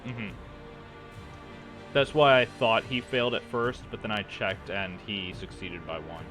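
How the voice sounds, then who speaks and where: A man's voice: fairly low pitch, fairly even intonation, measured pace, a bit bright. A man running a tabletop game as game master, hesitant and checking rules aloud with frequent uhs. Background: music.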